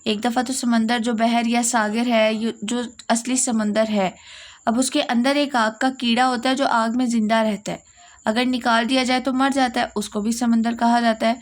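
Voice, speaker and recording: A woman's voice: fairly high pitch, fairly even intonation. A woman with a Pakistani Urdu accent teaching a lesson, explaining step by step and repeating key points.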